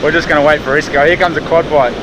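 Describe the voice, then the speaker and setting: A man with a broad Kiwi accent and a slightly high-set voice chats casually to his vlog in a matter-of-fact, slangy, mildly sweary way. He is recorded outdoors, with clear background noise from the surroundings and vehicles. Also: steady tone, quick pace. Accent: broad New Zealand. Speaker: vlogger. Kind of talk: casual running vlog commentary. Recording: noisy outdoor audio with vehicle sounds.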